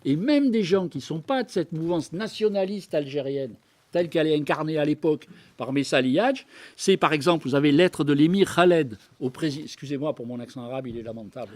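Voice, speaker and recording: Man, fairly high voice, chatty public-talk speaker, hesitant asides, reads excerpts aloud. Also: darkish tone. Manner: conversational lecturer with frequent asides and hesitations; reads historical documents aloud. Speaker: guest speaker at a political debate. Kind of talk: public talk to a live audience.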